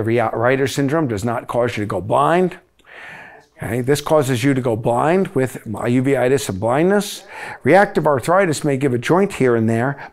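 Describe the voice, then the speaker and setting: A middle-aged man giving a lively medical review lecture, joking and acting out both sides of little dialogues. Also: mid-range voice. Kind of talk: lively lecture with comic asides.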